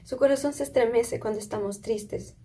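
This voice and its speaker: A woman delivers a sermon, retelling a Bible story with earnest feeling. Her voice is mellow and dark in tone, and she often stops to put questions to her listeners. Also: a little high, moderate pace, husky. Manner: earnest, asks listeners questions, small restarts. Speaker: preacher.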